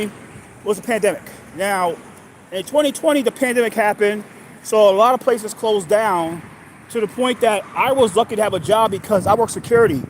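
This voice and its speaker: Rambling man in his thirties, high voice. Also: a little hiss or hum, poor audio. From New York. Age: 30s. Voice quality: repetitive, halting with restarts. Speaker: livestream host. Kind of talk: rambling casual monologue.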